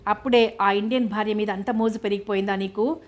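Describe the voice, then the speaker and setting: A woman's voice: medium pitch, steady tone, fairly quick, lightly acted. A woman reading a fiery foreign wife. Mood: indignant. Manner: heated, accusing. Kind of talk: audiobook novel reading.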